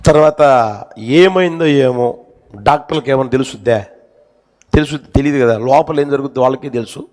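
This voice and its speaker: A man's voice: medium pitch, normal speed, long pauses, a little mellow. A man preaching a sermon in a church, telling stories with passion and repeating his phrases. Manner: impassioned storytelling, repeated phrases. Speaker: pastor.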